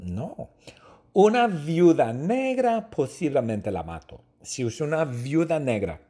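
A man giving a slow lesson, answering his own numbered questions and repeating phrases plainly. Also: medium pitch, mellow, husky. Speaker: language teacher. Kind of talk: slow Spanish lesson monologue.

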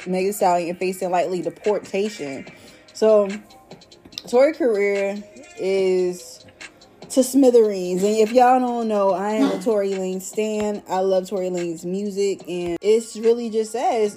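A woman hosting a solo podcast in casual, slangy chat, rambling in a stoned, high-sounding drawl and talking straight to her listeners as y'all. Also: dark tone. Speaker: podcast host.

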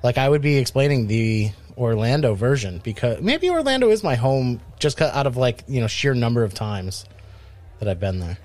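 A man's voice: medium pitch, very animated, normal speed, a little mellow. Male podcast co-host from Rhode Island, mid-range voice, casual and rambling. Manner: rambling, many fillers and restarts. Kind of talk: casual chat.

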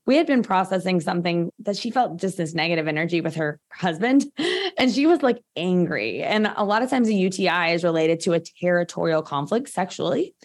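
Chatty woman in her thirties. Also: mid-range voice. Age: 30s. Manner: chatty, frequent "like" fillers. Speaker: guest practitioner. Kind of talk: casual interview talk.

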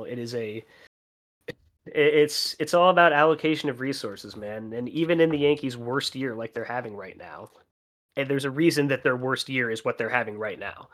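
A man from Chicago co-hosting a sports podcast, talking animatedly and casually with frequent fillers and the odd swear word. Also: mid-range voice. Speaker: podcast co-host.

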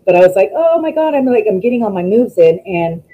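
A woman, a former wrestler, chatting as a guest over a video call, telling stories in an animated way and acting out what people said. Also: medium pitch, fast, phone-quality sound. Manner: animated storytelling, acts out quotes. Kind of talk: casual interview chat.

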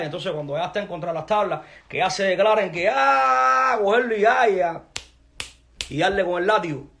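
A man with a Cuban accent, a musician, delivering a combative, mocking rant to the camera in crude street slang. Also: mid-range voice. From Cuba.

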